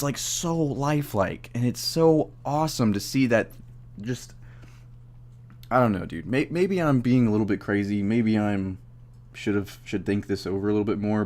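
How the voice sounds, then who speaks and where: A tipsy young man giving a casual, rambling movie review, halting, swearing freely and losing his train of thought. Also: lowish voice, a little mellow. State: drunk, tipsy. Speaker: amateur film reviewer.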